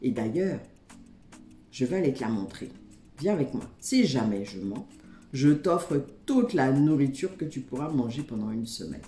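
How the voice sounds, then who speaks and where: A woman's voice: extremely low pitch, lively intonation, moderate pace, dark tone. A woman voicing a sly, hungry female hyena who coaxes other animals, in a storybook tale. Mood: coaxing. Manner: coaxing, persuasive. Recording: roomy echo, faint music.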